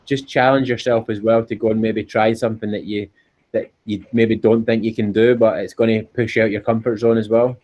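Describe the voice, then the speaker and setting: An endurance cyclist from Scotland, guesting on a casual interview, speaks fairly quickly in a voice on the low side with little pitch movement. He chats earnestly and informally, repeating himself often, through dull, lo-fi call audio.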